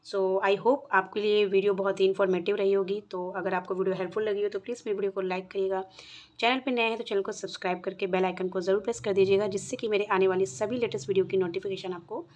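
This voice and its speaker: A woman's voice: medium pitch, level tone. Patient woman teaching phonics. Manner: patient, reads word lists slowly and clearly. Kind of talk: phonics lesson for parents.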